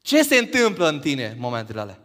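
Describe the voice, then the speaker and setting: A man preaching a sermon, firing rhetorical questions that climb to emphatic peaks and then drop low. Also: huge pitch swings, fairly bright tone, in a large hall.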